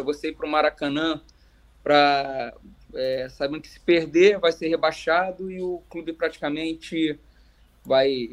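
A Brazilian man with a slightly high voice talks football casually on a podcast. He speaks like a fan, emphatically, repeating phrases to press his point.

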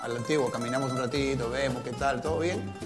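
A middle-aged man with a Peruvian accent from Callao, an interview guest telling stories in a relaxed, laughing way and acting out the dialogue. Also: medium pitch, fast talker, over loud music. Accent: Peruvian Spanish, Callao. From Peru. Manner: laughing, animated storyteller, plays out quoted dialogue. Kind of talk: casual storytelling interview.

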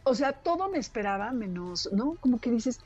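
A woman's voice: fairly high pitch, normal speed, dull audio, loud music behind the voice. A woman with a Mexican Spanish accent, a radio broadcaster telling anecdotes in casual chat and acting out the people in them. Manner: animated storyteller who acts out quoted voices.

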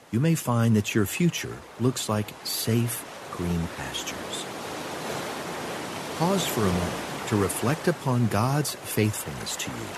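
Calm, meditative low-voiced man with lively intonation. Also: very noisy. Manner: calm, meditative, unhurried pauses. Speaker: devotional host leading prayer and meditation.

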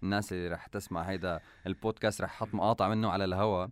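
A man's voice: low voice, steady tone, racing, no room sound. A man with a Syrian Arabic accent hosting a casual podcast interview in conversational speech. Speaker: podcast host.

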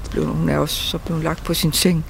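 A man recounting a painful memory in a halting way, often repeating words and restarting sentences. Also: on the high side, flat delivery, vocal fry, a little hiss or hum. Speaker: interviewee. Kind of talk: personal testimony.

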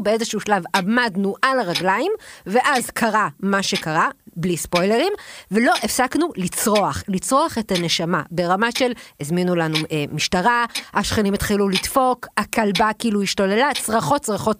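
A woman co-hosting a podcast in casual chat, excitedly gushing like a fan. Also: medium pitch, noisy background. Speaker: podcast co-host.

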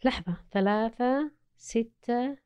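A woman host giving short, soft replies and working through a word game. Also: fairly high pitch, slow pace, clean tone. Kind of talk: casual interview chat.

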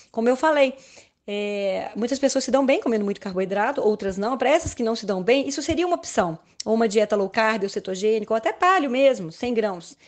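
A woman doctor explains her approach in an interview, measured and careful, pausing on fillers as she goes. Her voice is somewhat higher than most women's.

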